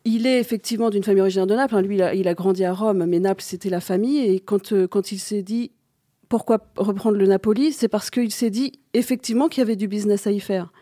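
A woman reporter in a podcast discussion, telling anecdotes in a lively way with fillers. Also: medium pitch, fast, no echo, studio quality. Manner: lively storyteller, many fillers. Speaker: senior reporter, Italy specialist. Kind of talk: casual discussion.

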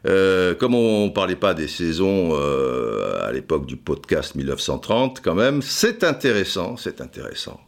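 A man's voice: deep voice, very animated, a little slow, few pauses. A man hosting a playful football history podcast, joking and theatrical, often stammering repeats. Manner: jokey, theatrical, stammering repeats, sings and hums asides. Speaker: podcast host.

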